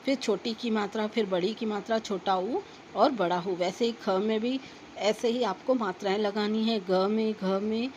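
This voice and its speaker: Woman teacher, mid pitch, careful slow spelling-out for young children, faint hiss in the background. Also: a little mellow, poor audio. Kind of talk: reading a children's textbook lesson aloud.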